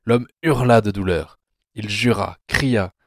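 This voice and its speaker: A man reads a dark audio novel adaptation in a very low voice. His delivery is measured and grim, and the recording is dry and close with no room sound. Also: dry recording. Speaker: narrator. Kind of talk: scripted audiobook narration.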